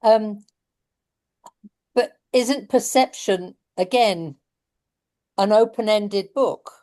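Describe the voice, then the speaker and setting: A woman with a thick Mississippi accent, speaking up in a class discussion in a deliberate way. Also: mid-range voice, a little mellow. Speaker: class participant. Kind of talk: spontaneous comment in a class discussion.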